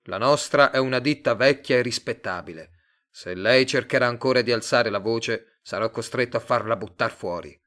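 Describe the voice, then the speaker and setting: A man reading a story aloud, voicing a cold, bland male agency director who speaks calmly and condescendingly. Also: normal speed, close to an everyday voice. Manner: calm, low, coolly condescending.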